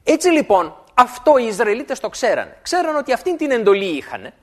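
A man preaching a sermon, animated and repeating words for emphasis. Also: extremely high pitch.

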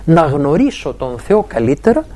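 Middle-aged male speaker, faith testimony, wide swinging intonation, higher-pitched voice, acts out dialogue. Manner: animated storytelling, acting out dialogue. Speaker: university professor giving a faith testimony. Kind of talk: personal testimony talk.

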